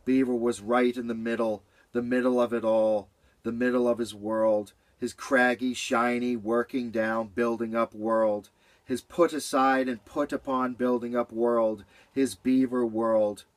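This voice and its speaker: A man reading a children's story aloud in a gentle, rhythmic way with lots of repetition. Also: mid-range voice, level tone, unhurried, no echo.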